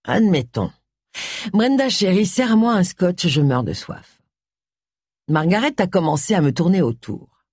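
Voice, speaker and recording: A man's voice: high voice, very animated, unhurried, long pauses, a little mellow, slightly rough, no room sound, clean studio sound, exaggerated voice. A reader voicing a smug, genteel man who talks in a mocking, amiable way with a sinister edge.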